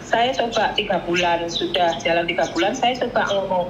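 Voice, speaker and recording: Speaking at a moderate pace in a lowish voice, a woman in her forties who used to be a domestic worker meanders through her story as an interview guest. She often acts out other people's voices and repeats "Miss." The conversation happens in a small home room, recorded with a roomy, dull, noisy sound.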